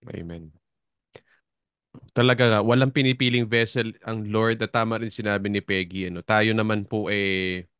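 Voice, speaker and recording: Low-voiced pastor hosting radio. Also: male voice, a bit bright, clean tone, no room sound, studio quality. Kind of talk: radio talk on faith.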